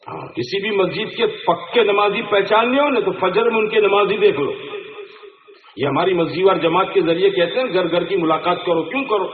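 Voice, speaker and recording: High-voiced male preacher, tinny and echoey. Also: brisk, a little hiss or hum. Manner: asks the crowd rhetorical questions. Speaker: Islamic preacher. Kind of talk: sermon to a gathering. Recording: tinny phone-like sound in an echoey room.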